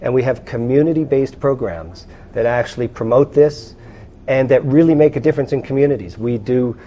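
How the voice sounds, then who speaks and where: A man's voice: medium pitch, a little fast, mellow. A man on a charity board, explaining his foundation in an earnest way with some fillers.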